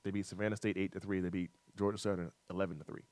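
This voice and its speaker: A lower-voiced man runs a sports talk radio show, reading scores and game schedules. He fills gaps with "uh" and keeps the banter light. The sound is dry and close on a studio mic. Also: flat delivery, rapid-fire, darkish tone, dry recording. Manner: chatty, reads scores with fillers, teasing co-host.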